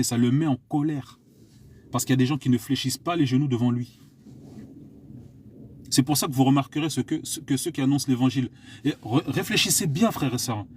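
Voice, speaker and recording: During a live online sermon, a French man exhorts his listeners, repeating pointed rhetorical questions and coughing now and then. His voice sits at a medium pitch, slightly mellow with a breathy edge.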